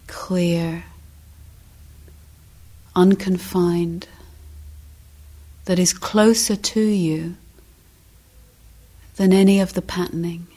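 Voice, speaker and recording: A woman teaching meditation uses a fairly low pitch and fairly even intonation. Her guided instruction is gentle and deliberate, paced with short phrases and long pauses.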